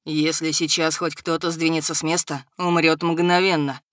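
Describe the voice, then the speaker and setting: A woman voicing a calm, menacing male dragon shapeshifter with a low, rumbling voice in an audiobook. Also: normal speed, dry recording, studio quality, close to an everyday voice. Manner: cold, level, threatening. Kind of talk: audiobook character voice.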